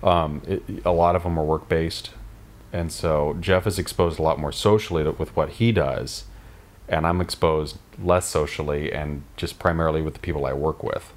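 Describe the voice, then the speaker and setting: A man's voice: extremely low pitch, steady tone, normal speed. A man in his late thirties talking in an easygoing, thoughtful way in a documentary interview. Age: 30s.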